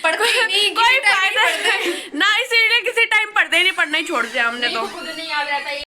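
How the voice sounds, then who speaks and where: A woman's voice: very high voice, animated, fast, noisy background. A young woman from western Uttar Pradesh with a Western Uttar Pradesh Hindi accent, chatting bluntly and rambling in a casual vlog from her hostel room, laughing often. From western Uttar Pradesh, India. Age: young adult. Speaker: vlogger.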